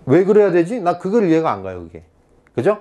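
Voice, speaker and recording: Lively, chatty male tutor lecturing. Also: high-pitched, brisk. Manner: animated, chatty, asks "right?" often, acts out little scenes. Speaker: Korean-language exam tutor. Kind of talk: lecture to students.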